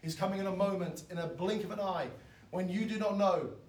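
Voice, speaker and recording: A man, preaching a sermon in an earnest, pleading way that swells loud and then drops soft. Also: high-pitched, a little fast. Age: 20s. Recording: echoey, from far off.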